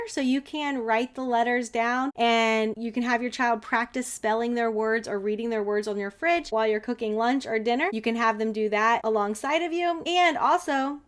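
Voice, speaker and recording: A homeschooling mom in her thirties walks parents through reading games in a cheerful, practical manner. Her voice sits a little high for a woman, and she slows down to sound out letters one by one. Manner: upbeat, practical, explaining step by step; sounds out letters slowly when demonstrating. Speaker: homeschooling mom and channel host. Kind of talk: instructional video talk.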